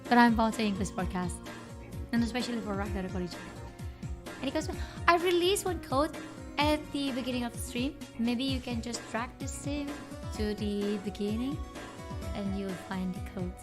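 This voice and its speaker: Casting an esports match on a livestream with music behind her, an Indonesian-accented woman jokes around informally with her viewers and repeats phrases often. She speaks at a moderate pace in a voice on the high side.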